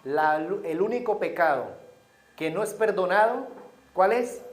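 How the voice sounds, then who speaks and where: High-voiced Colombian man preaching. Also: animated, unhurried, reverberant, a little hiss or hum. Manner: storytelling preacher who swings between hushed and raised delivery. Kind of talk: sermon.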